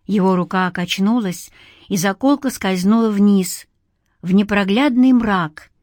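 Slow, measured woman narrator. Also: mid-range voice, darkish tone, no echo, clean studio sound. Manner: measured, dramatic storytelling. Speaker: audiobook narrator. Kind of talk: scripted narration.

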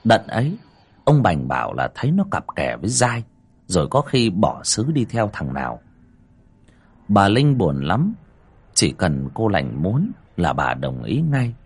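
A man's voice: sits low, wildly swooping pitch, a little slow, slightly rough. A man narrating a horror story with dramatic storytelling. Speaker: audiobook narrator.

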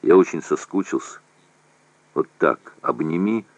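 A man's voice: extremely low pitch, a little slow, no echo. A man reading the lines of a confident young artillery officer who coaxes insistently. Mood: coaxing. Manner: coaxing and insistent.

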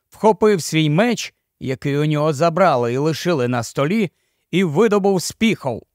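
Expressive male audiobook narrator. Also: fairly high pitch, no echo, clean studio sound. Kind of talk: scripted narration.

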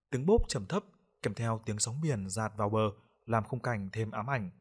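Low husky male horror narrator. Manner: steady, grim storytelling. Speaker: horror storyteller. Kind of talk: scripted horror story narration.

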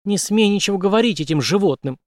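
A man's voice: expressive, quick pace, no room sound, studio quality. Man putting on a defiant woman prisoner. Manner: shrill, defiant. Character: defiant young woman prisoner, shrill and scornful.

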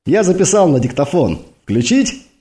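A man's voice: fairly high pitch, very animated, normal speed, warm tone, pitched above the performer's own voice. A man reading an audiobook, voicing a tactless, chatty army major who rambles in cheeky banter. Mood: teasing.

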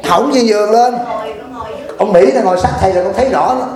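A man giving a storytelling sermon as abbot, animated and chuckling as he acts out dialogue. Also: high-pitched, a little fast, crowd noise. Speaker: abbot giving a dharma talk. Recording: very echoey room.

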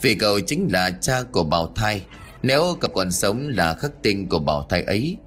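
A man voicing a calm older male monk master who speaks in a measured, instructive way, in an audiobook ghost story. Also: on the low side, a little hiss or hum. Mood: steady.

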